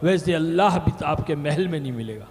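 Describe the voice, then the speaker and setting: A man's voice: on the high side, lively intonation, a little fast, darkish tone, natural voice. A man voicing a sly, wise camel herder who gives plain, pointed replies. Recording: hall reverb.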